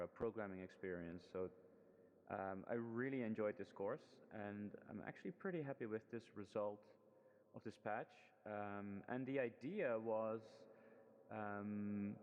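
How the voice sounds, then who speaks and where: A man's voice: on the low side, a little mellow. A man presenting his student project in a casual, hesitant demo walkthrough, full of ums and restarts, his voice soaked in heavy hall-like reverb. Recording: long reverb, dull lo-fi sound.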